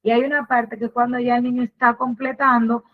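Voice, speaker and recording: A woman gives a patient, explanatory webinar lecture, often posing a question and then answering it herself. Her voice sits a little high for a woman. The sound is thin and phone-like, as if it were coming through a video call. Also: flat delivery, a little fast. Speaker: literacy workshop presenter. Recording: tinny phone-like webinar audio.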